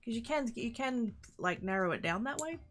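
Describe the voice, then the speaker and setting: A woman's voice: fairly high pitch, animated, normal speed, faint music behind. A woman livestreamer chatting casually and playfully with her viewers, rambling and easily sidetracked. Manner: playful, informal greetings to chat.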